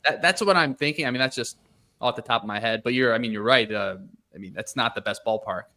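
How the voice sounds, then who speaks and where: A male host runs through fantasy baseball picks in a relaxed podcast chat. He thinks aloud, hedging and filling with "um" as he goes. His voice sits at an ordinary middle pitch. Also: fast. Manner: thoughtful, hedging, many fillers.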